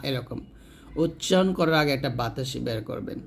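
A man teaching Arabic letter pronunciation to adult learners, slowly and patiently, repeating each sound and asking questions he answers himself. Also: medium pitch, expressive, creaky, slight background noise. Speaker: Quran teacher. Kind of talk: step-by-step pronunciation lesson.

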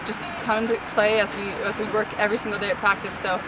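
Fast-talking young woman goalkeeper. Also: medium pitch, level tone, distant mic, a loud crowd, low-quality recording. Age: young adult. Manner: quick, eager, repeats phrases. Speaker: college goalkeeper. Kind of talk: postgame interview answers. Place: outdoor soccer field at night.

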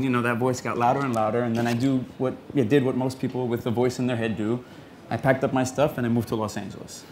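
A young man from New York City giving a personal talk to an audience in an earnest, conversational and excited way. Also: mid-range voice, a little hiss or hum. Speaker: conference speaker.

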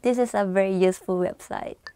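A woman's voice: mid-range voice, fairly even intonation, quick pace, dark tone, clean tone, no echo. A woman in her twenties with a Thai accent, hosting a scripted language lesson on a lapel mic, chatty with friendly asides. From Thailand. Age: 20s. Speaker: language teacher host. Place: small studio, plain backdrop.

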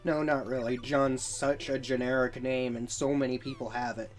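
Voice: mid-range voice, fairly even intonation, normal speed. A gamer chatting casually through a let's play, reading bits of on-screen text and adding amused asides. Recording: faint music behind. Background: video game music.

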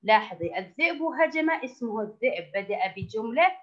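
A woman teaching a first-grade language lesson, asking the children questions, praising their answers and drawing out key words slowly. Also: a little high, lively intonation. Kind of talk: recorded classroom lesson for young children. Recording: dull lo-fi recording.

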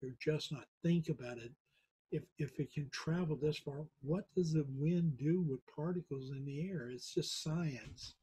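A man in his seventies, a podcast host, speaks directly to camera from his home living room in an earnest appeal, urging and lecturing his listeners and repeating points for weight. His fairly high voice is measured in pace, dark in tone, and breathy, and the recording is rough.

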